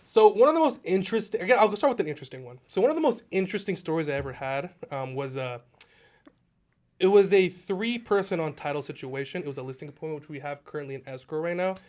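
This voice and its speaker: A man with a high voice tells stories from his real estate work at a rapid clip. He speaks in a lively, casual way, acting out the people in his stories. He sounds like a guest on a podcast. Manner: animated, laughing, acts out quoted people. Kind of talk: casual storytelling.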